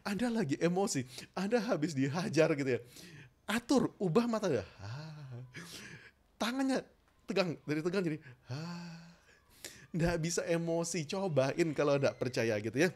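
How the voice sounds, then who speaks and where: A self-help trainer giving an instructional talk, addressing viewers directly and coaxing them along, acting out tense and relaxed ways of speaking. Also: medium pitch, moderate pace, slightly rough. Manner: animated, demonstrates tense versus relaxed speech.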